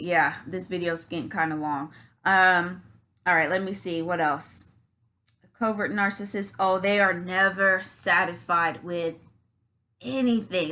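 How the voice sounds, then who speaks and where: A woman's voice: medium pitch, pushed and bright. A woman vlogger talking in a casual, rambling monologue with many restarts.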